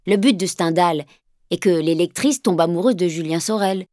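A woman's voice: lowish voice, normal speed, a little mellow, no echo, clean studio sound, lightly acted. A woman voicing a sullen, scornful teenage boy who answers in curt, dismissive retorts.

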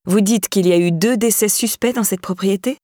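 A woman's voice: medium pitch, fairly quick, dark tone, no room sound, studio quality, natural voice. A woman voicing a matter-of-fact police inspector. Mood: puzzled.

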